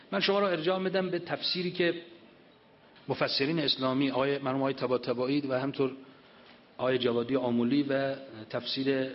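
A man's voice: a little high, a little hiss or hum. A man giving a religious lecture, reciting scripture and explaining it in an emphatic manner. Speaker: preacher. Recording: dull lo-fi recording.

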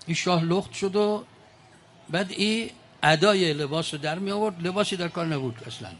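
A man's voice: high-pitched, a bit bright, a faint crowd. An older man speaking to an audience in a colloquial storytelling manner, with mocking asides.

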